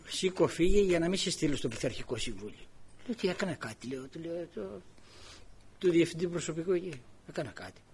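An older man with a voice that sits high preaches a sermon built around a personal story. He acts out the quoted dialogue, repeating many words.

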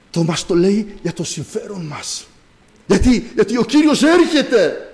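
A man's voice: a little high, a little mellow. A man preaching a sermon earnestly, asking rhetorical questions and addressing listeners as brothers.

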